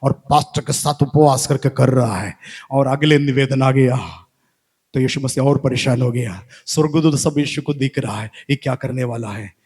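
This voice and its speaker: A man's voice: medium pitch, normal speed, darkish tone, breathy edge. A man preaching a sermon in church. He asks the congregation questions and breaks into hallelujahs. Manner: exclaims hallelujah. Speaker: pastor. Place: church during a live Sunday service.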